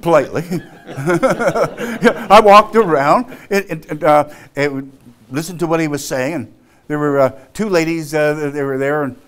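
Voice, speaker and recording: Halting, animated male business speaker. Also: a little high. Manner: animated, laughs often, halting with many "uh"s. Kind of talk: storytelling keynote talk.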